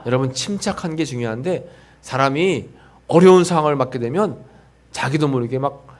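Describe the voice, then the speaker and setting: A man's voice: mid-range voice, normal speed, darkish tone. A male pastor preaching an afternoon sermon. He has the congregation repeat lines after him and acts out the people's complaints. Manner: leads the congregation in call-and-response, acts out grumbling voices.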